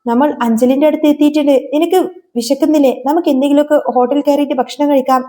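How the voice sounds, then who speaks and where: A woman's voice: sits high, fairly even intonation, fast talker, dark tone, lightly acted. A woman voicing a cheerful, caring middle-aged father in a retold serial story. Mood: fond.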